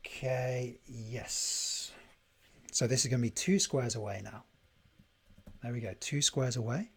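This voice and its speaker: A man hosting a live coding tutorial stream, thinking aloud in a deliberate way and chatting to viewers as he works. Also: medium pitch, breathy edge. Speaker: livestream coding host.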